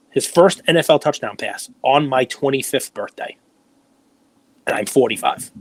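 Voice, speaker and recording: A man, hosting a casual podcast and telling animated, self-deprecating stories. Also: medium pitch, dry recording. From United States. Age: 40s. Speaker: podcast host. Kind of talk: casual chat.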